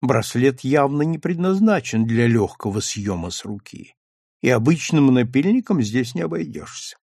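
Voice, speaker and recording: A man voicing a calm, attentive male doctor who explains his observations in a measured way. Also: medium pitch, gravelly, no echo, studio quality. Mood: explaining.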